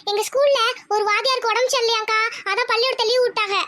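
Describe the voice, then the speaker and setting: A woman's voice: very high voice, fairly even intonation, very fast, bright, forceful tone. A woman voicing a chatty, cheerful little schoolgirl in a homemade cartoon. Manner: bubbly, chatty. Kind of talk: cartoon voice acting.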